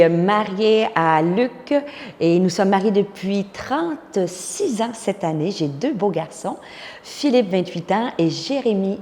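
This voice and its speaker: This Québécoise woman in her fifties is a pastor and conference speaker sharing a personal testimony and offering encouragement. Her voice sits lowish with a darkish tone, and a long, hall-like reverb surrounds it.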